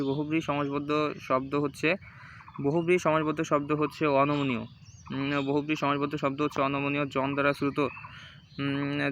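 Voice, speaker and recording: A man working through exam questions one by one and explaining each answer, pausing often with ums and restarting words. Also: a little high, fairly bright tone, slight background noise. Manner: hesitant, many ums and restarts. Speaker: exam tutor.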